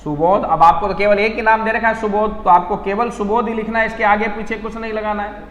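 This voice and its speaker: A man teaching an English lesson, explaining slowly and repeating key points for emphasis. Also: high voice, flat delivery, a bit bright, reverberant, big-room sound, muffled recording. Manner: slow, repetitive explaining with frequent emphasis. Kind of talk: classroom lesson.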